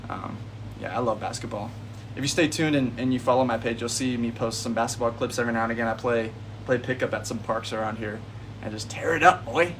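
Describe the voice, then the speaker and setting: A relaxed young man in his twenties chats through golf tips on a backyard livestream. He sounds set back from the phone mic, with a clear hum of an air conditioner and outdoor noise behind him. His tone is friendly and easygoing, and he calls viewers bro. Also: medium pitch, recorded from a distance, poor audio. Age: 20s.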